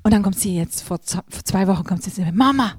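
Middle-aged female preacher, mid-pitched, storytelling sermon delivery with direct address, dry recording. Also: quick pace, breathy edge, no echo. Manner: lively storytelling, acts out quoted voices, addresses audience directly. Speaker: preacher at a women's gathering.

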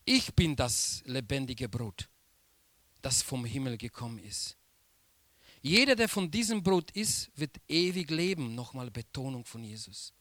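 A man preaching a sermon slowly and emphatically, repeating key phrases for weight. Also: medium pitch, very animated, a bit bright, dry recording.

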